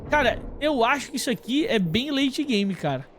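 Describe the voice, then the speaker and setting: A man's voice: very high voice, sing-song, moderate pace, a bit bright, slight background noise. A Brazilian man giving casual, slangy game commentary to his chat, thinking aloud as he plays. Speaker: game streamer talking to live chat.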